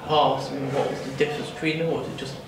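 A man's voice: mid-range voice, flat delivery, fast talker. A man who works as a sports journalist, asking rambling questions with restarts at a press conference. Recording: echoey room, distant from the mic, noisy.

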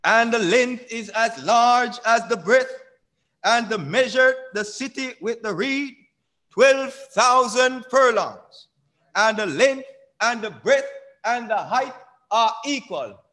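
Young male preacher, high voice, call-and-response sermon, pulpit microphone. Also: pushed and bright. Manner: call-and-response preaching, drawn-out emphatic lines, asks the congregation. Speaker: church elder preaching. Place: small church sanctuary at a pulpit. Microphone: pulpit microphone on a stand.

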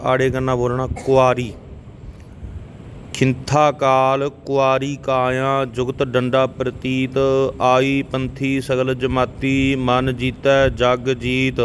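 A man leads a recitation lesson at an unhurried pace. His pitch stays close to a single level. He reads each line carefully and pauses to correct pronunciation, with faint noise behind him. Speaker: scripture recitation teacher. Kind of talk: slow scripture recitation lesson.

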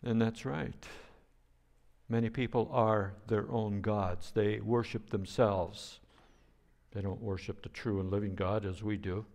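This is an older man preaching from the pulpit in an unhurried, measured way. His voice sits on the low side, and he now and then breaks into playful noises to make a point. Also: steady tone, a little mellow. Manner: slow, deliberate preaching with playful sound effects. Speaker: pastor. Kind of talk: sermon.

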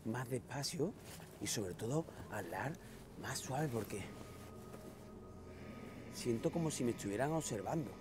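A man with a Spain Spanish accent hosting a staged adventure vlog. He talks to his viewers in a dramatic way, dropping to hushed whispers and then breaking into excited shouts. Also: medium pitch, measured pace, long pauses, noisy background. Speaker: vlogger host. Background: loud background music.

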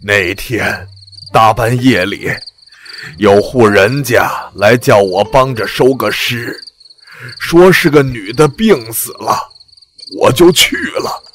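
A man voicing a blunt, plain-spoken village father telling an old secret in an audiobook, slow and homely. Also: mid-range voice, animated, fairly bright tone, a little hiss or hum. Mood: confessing. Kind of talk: audiobook character reading.

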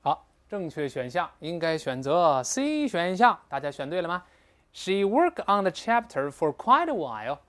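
A woman lectures on an English text. Her voice sits a little low but moves up and down freely. She slows right down to spell out English phrases. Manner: lively, explanatory, quotes English phrases slowly. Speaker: English teacher. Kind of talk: recorded lecture explaining a textbook.

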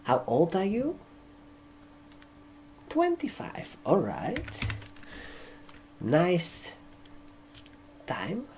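This barbershop ASMR roleplay features a man in his twenties as the receptionist, seated at a desk indoors and speaking in slow, hushed, halting short phrases. His pitch sits high and swoops wildly. Background noise includes computer keyboard typing and clicks.

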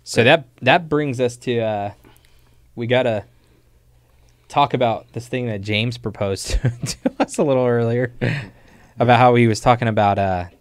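A man co-hosting a podcast as a real estate agent, chatty and quick to laugh. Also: medium pitch, clear, resonant tone, no echo. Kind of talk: casual podcast chat.

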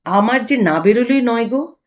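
A wry older husband who deflects with mocking jokes, voiced by a woman narrator. His teasing lines lilt with lively rises and falls. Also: a little high, moderate pace, lightly acted. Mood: evasive. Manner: bantering, mocking.

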